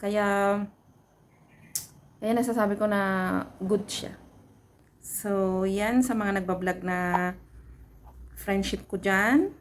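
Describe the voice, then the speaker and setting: A woman from the Philippines chats through a casual product-review vlog, her voice kept low and soft on purpose. She rambles in a mix of Tagalog and English, dotted with fillers and restarts. She is close to a phone with a clip-on mic, with a faint hum of background noise. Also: steady tone. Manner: soft-spoken, deliberately keeps voice low; chatty Taglish with many fillers. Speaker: overseas worker vlogger. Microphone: phone with clip-on lavalier mic.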